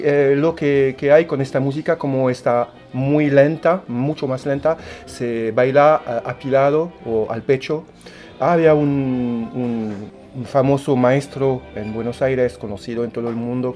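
A French tango DJ and milonga organizer, speaking with a French accent in a mid-range, slightly mellow voice, answers radio interview questions. He is hesitant and often repeats words.

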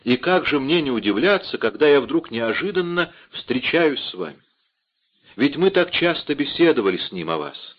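A man voicing a cunning, scheming noblewoman in a theatrical audiobook reading, on a dull lo-fi recording. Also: medium pitch.

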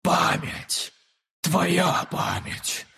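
A man voicing a hissing female mist monster who speaks in choppy, hoarse, half-swallowed words, as in an audiobook. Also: sits high, sing-song, very slow, bright, forceful tone, pitched above the performer's own voice, full character voice. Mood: menacing. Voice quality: hoarse whispery hiss.

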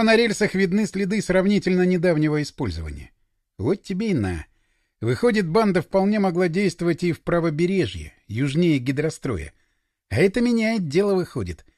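A man reading a first-person novel aloud as an expressive audiobook narrator, close to the microphone. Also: high-pitched, normal speed, dry recording. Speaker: audiobook reader.

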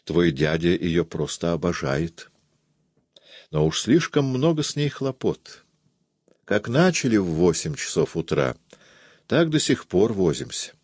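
A man's voice: deep voice, big pitch swings, measured pace, creaky, no echo, studio quality, full character voice. A man voicing a kindly, fussy older aunt who chatters in a confiding way. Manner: warm confiding chatter, raised voice.

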